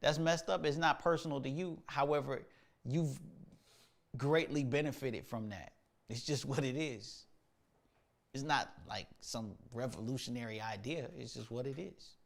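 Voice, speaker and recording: A man's voice: medium pitch, normal speed, creaky. A man hosting a casual livestream, talking about music practice in a laid-back, slangy way, thinking aloud with lots of fillers. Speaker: musician and show host.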